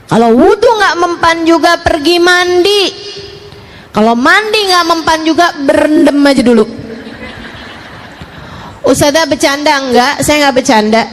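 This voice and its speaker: A woman preaches a lively sermon in a high, clear voice. She drops to soft, low asides, then rises into bright, pointed questions. She acts out short back-and-forth exchanges with her listeners over a faint hum of ambient noise. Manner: plays out quick imagined dialogues with listeners. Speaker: female preacher.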